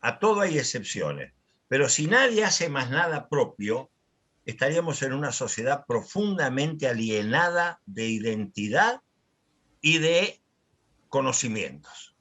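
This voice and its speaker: A man's voice: mid-range voice, big pitch swings, a little slow, sharp tone. An older man, giving a reflective, conversational lecture in a dialogue series.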